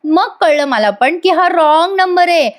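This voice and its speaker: A woman's voice: very high-pitched, expressive, unhurried, pitched above the performer's own voice. Woman retelling as a scheming young wife. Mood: evasive.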